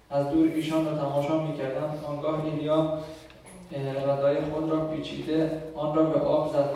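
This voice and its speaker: A man reading scripture aloud in church, slow and measured, with small slips he corrects. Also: fairly high pitch, mellow. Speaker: scripture reader. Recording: echoey hall from far off.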